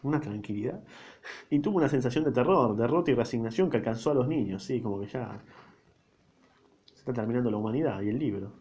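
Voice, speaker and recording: Rioplatense guy reading a book out loud, slangy side comments, mid pitch, kinda dull lo-fi sound. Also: lively intonation, quick pace, slightly rough. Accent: Rioplatense Spanish. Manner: informal slangy asides.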